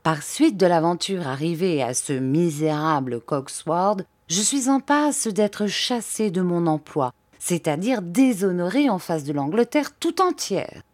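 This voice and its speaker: A woman reading aloud who voices a precise, careful male police officer, speaking in a measured, pleading way. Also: lowish voice, lively intonation, a little mellow, dry recording.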